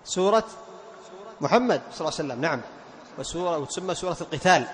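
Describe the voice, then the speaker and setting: Male recitation teacher with a high voice, leads a class, drags out example words to demonstrate sounds and asks students for answers. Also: animated, racing, a bit bright, a little hiss or hum. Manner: quizzes students with questions and praises answers. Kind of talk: classroom lesson on recitation rules.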